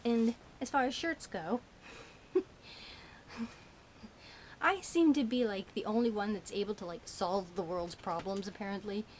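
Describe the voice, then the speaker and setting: A woman's voice: mid-range voice, measured pace, pauses often, slight background noise. A woman vlogger chatting casually about her shopping haul, giggling often and rambling with lots of fillers, her tongue a little burnt. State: burnt tongue, slightly slurred. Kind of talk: casual rambling chat to camera.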